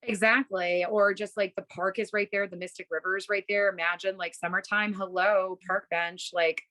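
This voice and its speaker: She's in her thirties, runs a bookstore, and is from Massachusetts, taking interview questions on a video call from her home in a relaxed, upbeat manner full of fillers. Her mid-range voice has a sharp tone, stays fairly level in pitch, and moves at normal speed.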